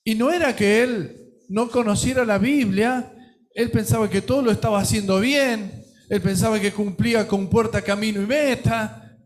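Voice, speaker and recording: High-voiced Argentine preacher telling a story. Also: male voice, normal speed. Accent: Rioplatense Spanish. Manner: storytelling with acted quotes, swinging between loud and soft. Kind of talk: sermon.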